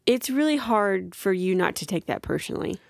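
A woman's voice: mid-range voice, lively intonation, brisk, vocal fry, no echo, clean studio sound. A young woman co-hosting a podcast, talking candidly and reflectively with her husband, sometimes teasing him. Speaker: podcast co-host. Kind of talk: casual conversation with spouse.

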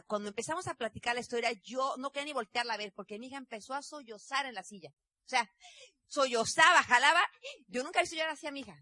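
A bright, high-pitched woman. She tells her story in a lively, animated way, rising at times to a shout. Her voice is recorded close and dry. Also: no echo. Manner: animated, acts out quotes, often shouts. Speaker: business seminar speaker. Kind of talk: motivational storytelling talk.

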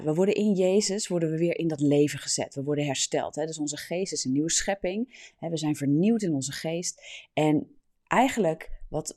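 Earnest preacher with a mellow voice. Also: medium pitch. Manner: earnest, explanatory, frequent tag "hè". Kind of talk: sermon.

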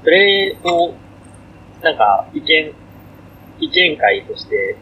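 A man's voice: on the high side, huge pitch swings, takes it slowly, muffled recording, a little hiss or hum. A young man co-hosting a casual podcast livestream, rambling and apologetic, slipping into a Kansai accent. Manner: rambling, self-deprecating, slips into Kansai dialect. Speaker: podcast co-host.

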